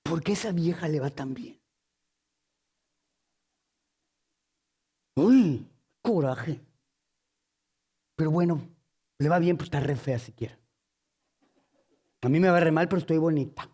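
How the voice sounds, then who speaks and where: A man's voice: fairly high pitch, moderate pace, long pauses, mellow, slightly rough, voice pushed down. A man putting on a petty envious gossip woman.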